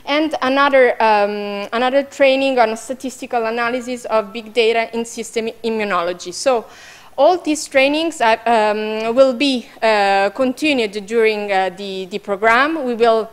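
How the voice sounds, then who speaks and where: A woman's voice: fairly high pitch, normal speed, clear, resonant tone. A woman with an Italian accent presenting training programs at an information session, hesitant with many fillers.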